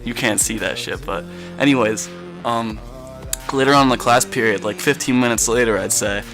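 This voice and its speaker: A man's voice: mid-range voice, normal speed, a bit bright. Slangy teenage guy with music behind him. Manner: slangy, mild swearing, rambling. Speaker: gameplay commentary video creator. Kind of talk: casual story-telling commentary.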